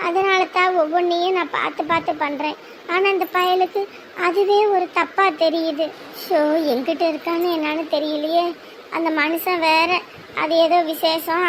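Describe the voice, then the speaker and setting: A fretful village mother in a cartoon, shrill and sky-high, who frets over money and then turns fierce. She laments and scolds in broad rural speech. A faint hiss sits under her voice. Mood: worried.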